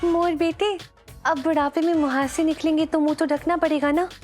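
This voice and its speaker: An actress playing a young woman who poses as a frail old grandmother, speaking in a put-on quavering granny voice in a TV sitcom, with music clearly heard underneath. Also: high voice, steady tone, moderate pace, darkish tone, close to an everyday voice. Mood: fake-sweet. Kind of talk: sitcom acting.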